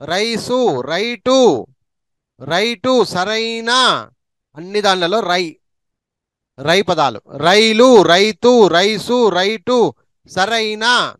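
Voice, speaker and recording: A man runs a slow reading drill, going through syllables and words one at a time and repeating each one. His voice sits high and moves at a very unhurried pace. The recording is close and dry, with no room sound. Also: animated, fairly bright tone, dry recording. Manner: repeats each word twice, drawn out. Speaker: teacher.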